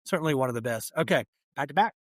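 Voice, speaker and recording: A man's voice: mid-range voice, lively intonation, rapid-fire, no echo, studio quality. A man hosting a casual podcast, keeping the draft moving with recaps and retelling stories at length. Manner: runs the draft, recaps picks and tells anecdotes. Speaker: podcast host.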